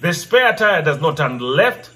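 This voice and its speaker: A male storyteller with a high, bright voice that swings widely in pitch. He poses riddles theatrically, repeating each question and stretching key words for emphasis. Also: very animated, a little slow. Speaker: storyteller and channel host. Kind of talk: interactive storytelling, posing riddles to children. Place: indoor room with brick wall backdrop.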